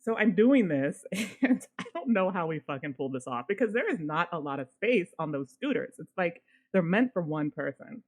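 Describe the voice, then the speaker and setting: A woman co-hosting a podcast, telling a personal story in a casual, animated way and swearing now and then. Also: on the low side, moderate pace. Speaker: podcast co-host.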